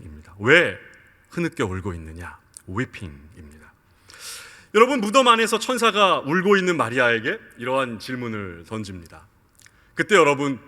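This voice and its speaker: A man preaching a sermon, his voice bright and forceful with a pitch that climbs and falls in lively arcs. He leans on each line he quotes and keeps turning to speak to his listeners. His words ring out through a long church reverb. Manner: earnest preaching, drawn-out quoted lines, addresses the congregation often. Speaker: pastor. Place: church sanctuary.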